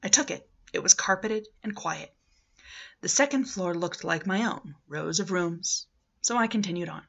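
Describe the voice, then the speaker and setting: Sitting indoors in her living room, a woman in her thirties reads a novel aloud as scripted narration, picked up by a webcam or laptop held at arm's length. As an amateur audiobook reader, she has a lowish, animated voice with vocal fry at a moderate pace, and the audio is dull.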